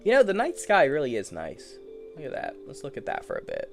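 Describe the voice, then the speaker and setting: A man talking to himself in a loose, rambling way. His pitch moves around a lot. He sounds playful and easily amused, with faint music under his voice. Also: huge pitch swings, a little fast, gravelly. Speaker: gaming streamer. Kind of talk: casual solo commentary.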